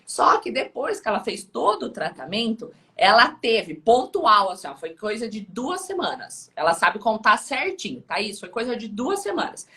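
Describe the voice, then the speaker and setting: A woman's voice: on the high side, big pitch swings, normal speed, few pauses, bright, forceful tone. A woman audiologist talking casually as an interview guest, chatty and peppering her sentences with little check-in tags.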